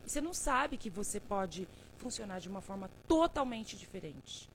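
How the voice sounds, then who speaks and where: A woman hosting a live stream as a self-help speaker, talking casually and warmly to viewers by name, coaxing and motivational, with frequent chuckles. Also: mid-range voice, sing-song, moderate pace, a little hiss or hum, rough recording. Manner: affectionate, calls viewers by name and "love"; playful, chuckles often.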